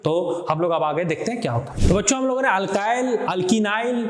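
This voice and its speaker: A male chemistry teacher with a fairly high voice lectures his students. He keeps asking questions and answering them himself, calling the students fondly. The sound is roomy, with a noticeable echo. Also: a little fast. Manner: repetitive call-and-response questioning; affectionate addressing of students. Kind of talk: classroom lecture.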